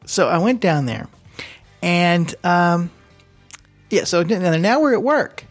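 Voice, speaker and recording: Taking his time, a man with a high-sitting, lively voice co-hosts a podcast, chatting through a lengthy anecdote that keeps veering into side comments and corrections. Soft music runs underneath, and a studio microphone feeds into his computer.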